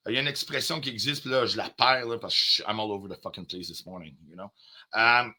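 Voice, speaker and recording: A man's voice: fairly low pitch, fast, sharp tone. Heated Quebec French man ranting live. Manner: confrontational, heated, swears often, drops in English phrases. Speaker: livestreamer.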